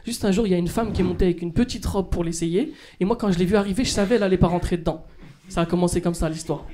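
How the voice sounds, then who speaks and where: Male comic, cheeky and quick, high voice, noisy room tape. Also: dark tone. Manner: cheeky, teasing the audience. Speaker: stand-up comedian. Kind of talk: stand-up routine. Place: comedy club stage. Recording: noisy club recording.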